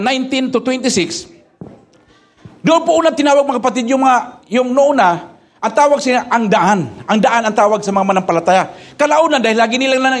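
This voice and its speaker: A male pastor preaching a sermon, firing rhetorical questions at his flock and rising into shouted bursts. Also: very high voice.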